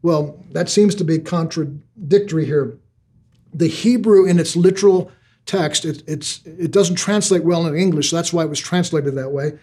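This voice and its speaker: Older man, pastor preaching, earnest, repeats words, mellow tone. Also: a little high, normal speed, husky. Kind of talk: sermon.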